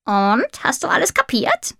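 A woman voicing a grumpy, know-it-all male raven who talks in a croaky, curt and sarcastic way. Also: sits high, wildly swooping pitch, a little slow, a bit bright, dry recording, studio quality, voice pushed up, full character voice. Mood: smug. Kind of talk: audiobook character voice.

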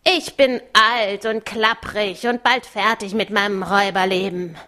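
A woman's voice: mid-range voice, fairly even intonation, unhurried, sharp tone. A woman voicing a rickety, bald old robber in a storybook reading, grumbling and impatient. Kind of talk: audiobook reading.

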